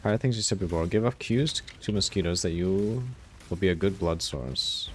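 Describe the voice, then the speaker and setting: A man streaming a game live, reacting loudly, swearing freely and reading chat messages aloud. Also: low voice, moderate pace, a little hiss or hum. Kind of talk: casual live-stream commentary while gaming.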